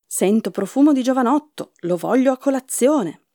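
A woman voicing a hungry, roaring male giant in a storybook tale, booming out greedy demands. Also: animated, normal speed, warm tone, no room sound, studio quality, natural voice.

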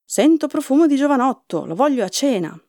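A woman voicing a hungry, roaring male giant in a storybook tale, booming out greedy demands. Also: big pitch swings, a little fast, darkish tone, dry recording, clean studio sound.

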